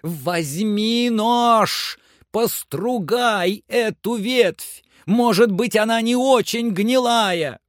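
Man voicing a frantic, high-strung gentleman. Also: drawn-out words, no room sound, clean studio sound. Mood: frantic, shouting. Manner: shouting, urgent and agitated. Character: excitable, frantic middle-aged man giving orders. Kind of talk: audiobook character voice.

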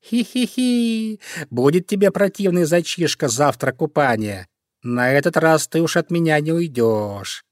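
A man's voice: a little high, animated, measured pace, no room sound, studio quality, pitched above the performer's own voice. A man voicing a sly, scheming female fox who talks sweetly, in a storybook reading. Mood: gloating. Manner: sly, sugary.

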